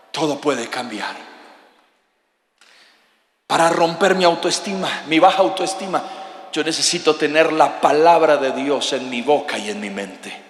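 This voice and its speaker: A man preaching a sermon, animated, sometimes shouting and joking with the congregation. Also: on the high side. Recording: echoey hall with long reverb.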